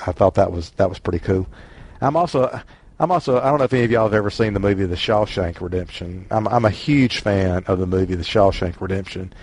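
A man's voice: fairly low pitch, a little mellow, slightly rough. A man with a Southern US accent hosting a casual book discussion, rambling and self-deprecating. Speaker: book club host.

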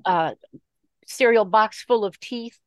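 Searching for words as she goes, a book group member gives her opinions in a halting, deliberate manner during an informal discussion. Her voice is medium-pitched, with no echo in the recording.

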